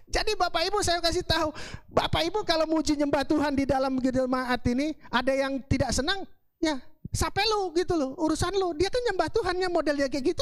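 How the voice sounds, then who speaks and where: A woman with a Palembang accent preaching a sermon in a colloquial, animated storytelling way. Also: high voice, no echo. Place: church service.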